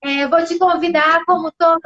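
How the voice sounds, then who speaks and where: A woman's voice: very high-pitched, brisk, muffled recording, faint music behind. A middle-aged woman pastor with a Brazilian Portuguese accent, talking casually to her church, full of tag questions and acted-out quotes. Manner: chatty, tag questions, animated quoting.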